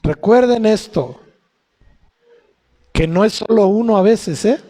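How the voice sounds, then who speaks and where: A man with a Mexican accent preaching a sermon, often asking his congregation questions and reading scripture in a slow, drawn-out way. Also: sits high, lively intonation, mellow. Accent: Mexican Spanish. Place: church hall. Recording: long hall reverb.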